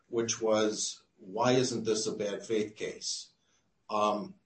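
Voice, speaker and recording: A man giving a rebuttal in court, speaking in a measured, deliberate way, from a distance in a roomy courtroom. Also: on the low side. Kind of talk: courtroom oral argument.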